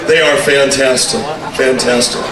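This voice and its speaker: A man's voice: mid-range voice, steady tone, moderate pace. A man working as a stage hypnotist, addressing audience and volunteers in a commanding patter full of repeated phrases. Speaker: stage hypnotist, show host. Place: large echoey hall on stage. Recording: echoey hall PA from far off, music and crowd. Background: music and crowd noise.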